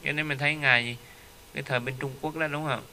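Bright-voiced man teaching. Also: a little high, steady tone, fast, a little hiss or hum. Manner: storytelling, with frequent rhetorical "right?" tags. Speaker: Buddhist teacher. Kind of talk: dharma talk.

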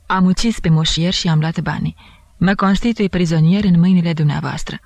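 A man's voice: sits high, darkish tone, dry recording. A woman reading the part of a pale male doctor who confesses in a solemn, formal voice. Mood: grave, solemn.

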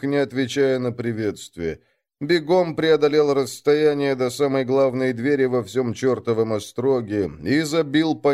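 A man's voice: mid-range voice, darkish tone. A man narrating a first-person story in an urgent, emotional way.

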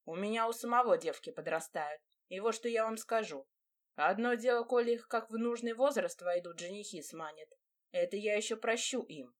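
A woman reading an audiobook, voicing a gruff peasant boatman who speaks in a blunt, rustic way. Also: medium pitch, moderate pace, close to an everyday voice. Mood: grumbling.

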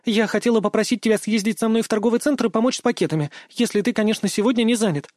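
A man's voice: high voice, rapid-fire, darkish tone, no room sound, studio quality, voice pushed up, natural voice. Man doing a bubbly chattering young woman. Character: cheerful pushy young woman friend. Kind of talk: audiobook narration.

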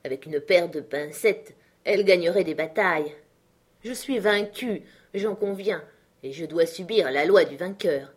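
A woman's voice: lowish voice, unhurried, husky. A woman reader voicing a carefree, swaggering young man who answers his sister with mock politeness. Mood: mock-polite, airy. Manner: airy, mock-polite, sing-song.

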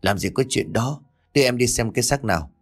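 A man voicing an excitable young male sidekick in an audio ghost story, speaking quickly and eagerly. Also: medium pitch, soft background music. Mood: insistent.

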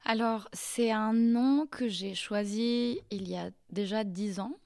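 Brief: thirties woman, songwriter guest, hesitant and reflective, medium pitch. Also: slow, darkish tone. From Mexico. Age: 30s. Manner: thoughtful, searching for words. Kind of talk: interview answers.

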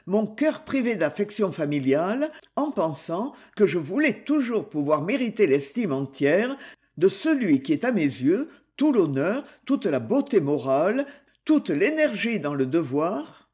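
A man's voice: sits high, sing-song, unhurried, darkish tone. A man voicing a proud, tender young woman in love, grave and fervent.

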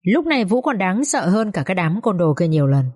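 A woman narrating a dramatic audiobook story with steady, expressive delivery. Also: mid-range voice, brisk.

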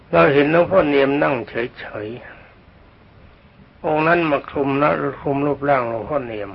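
An older man, a Buddhist monk, telling a slow dharma story, often clearing his throat, on a dull old recording. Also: fairly high pitch.

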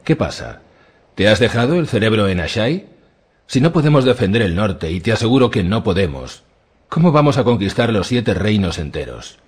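A man's voice: lowish voice, big pitch swings, moderate pace, breathy edge. A man voicing a sarcastic young woman warrior. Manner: sarcastic, mocking. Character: sharp-tongued defiant young woman warrior. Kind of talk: audiobook reading.

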